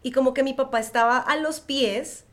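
A woman co-hosting a casual podcast. Her voice sits a little above the usual pitch, and she tells stories with plenty of "like" fillers and vivid expression. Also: moderate pace. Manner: expressive storyteller, many filler phrases. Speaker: podcast co-host.

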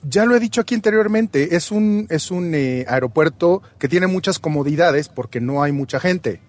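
A man's voice: a little high, animated, moderate pace, darkish tone. A man chatting casually on a radio show, explaining things at length with plenty of fillers. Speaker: sports segment guest. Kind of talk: casual chat.

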